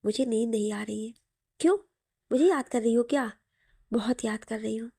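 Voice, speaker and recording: A woman's voice: a little high, normal speed, creaky, dark tone, dry recording, clean studio sound. A woman narrating a romantic audio story and voicing both lovers in their dialogue.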